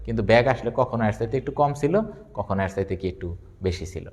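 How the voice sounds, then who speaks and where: A man, lecturing on physics, who asks questions and answers them himself and repeats key terms slowly. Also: on the low side, a little mellow, in a large hall. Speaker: physics teacher. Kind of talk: classroom lecture.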